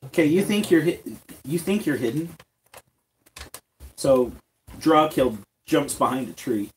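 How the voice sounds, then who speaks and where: A young woman narrating a tabletop game as game master, halting, with fillers and restarts. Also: low-pitched, expressive, a little mellow, a little hiss or hum, rough recording.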